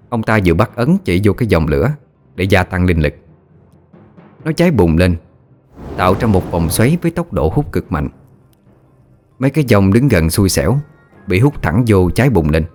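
A man's voice: deep voice, darkish tone. A man narrating a ghost story in a dramatic, vivid way. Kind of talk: scripted horror story narration.

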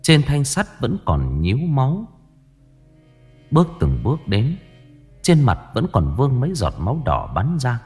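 Male storyteller, husky low voice, lively pitch, expressive narration, faint music behind. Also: measured pace. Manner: expressive, dramatic. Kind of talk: dramatic audio-story narration.

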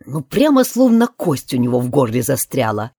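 A woman's voice: extremely low pitch, very animated, normal speed, slightly rough, dry recording, studio quality, pitched below the performer's own voice, full character voice. Gryphon, a blustery storybook griffin acted by a woman. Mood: gruff. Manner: blustery, shouting. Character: boisterous, bossy male griffin.

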